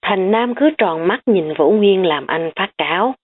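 A woman narrating a family drama audiobook in a measured reading. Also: mid-range voice, animated. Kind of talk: scripted story narration. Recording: tinny phone-like recording.

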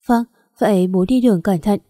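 A woman's voice: mid-range voice, normal speed, warm tone, dry recording, clean studio sound, close to an everyday voice. A woman voicing an unhappy young wife, tearful and pleading. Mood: meek.

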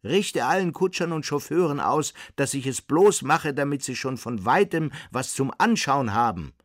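Loud, grandiose and excitable, this eccentric butcher-painter rises high and swoops through lively pitch, as a man reads him aloud. The voice keeps a husky grain and sounds close and dry. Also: a little slow, dry recording. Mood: scolding.

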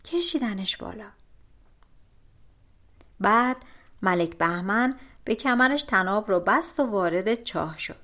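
Animated woman telling folk tales. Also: medium pitch. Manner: expressive, animated storytelling. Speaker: audiobook narrator. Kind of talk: folk tale audiobook narration.

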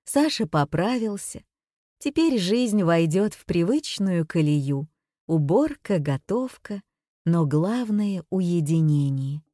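A woman voicing a weary, anxious wife in an audiobook, tired and longing for quiet. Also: lowish voice, animated, takes it slowly, dry recording, studio quality. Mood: relieved.

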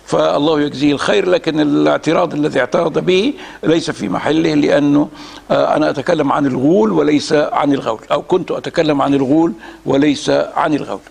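Egyptian male scholar, somewhat high, gravelly voice, deliberate lecture with long thinking pauses. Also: darkish tone. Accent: Egyptian Arabic. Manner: measured and deliberate, with frequent drawn-out hesitation sounds. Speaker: religious scholar giving a reading series. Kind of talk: lecture reading and commenting on a classical text.

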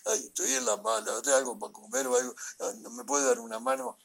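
A man's voice: high-pitched, big pitch swings, a little fast, gravelly, voice pushed up, heavily acted. A man putting on a whining beggar voice. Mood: pleading whine. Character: whining needy beggar, pleading for handouts.

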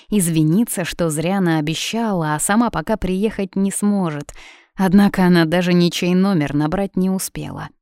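Woman narrator, low-pitched, dry close audiobook read, steady. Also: no room sound.

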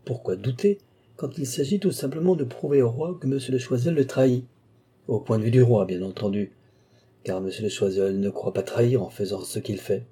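A man reading aloud as a calm, assured male sorcerer count in a novel's audiobook, speaking with persuasive confidence. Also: medium pitch, normal speed, husky, natural voice.

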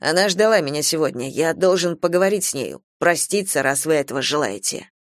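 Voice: medium pitch, animated, brisk, a bit bright, dry recording, studio quality. A reader voicing Troy, a young soldier, cool and mocking, in an audiobook. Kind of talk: audiobook character reading.

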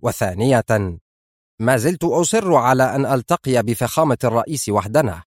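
A man voicing a smooth, fawning and cunning male spy in an audiobook, polite and insistent. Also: mid-range voice, expressive, a little fast, no echo, clean studio sound, close to an everyday voice. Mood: sly, insistent. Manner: ingratiating and cunning. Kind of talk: audiobook character voice.

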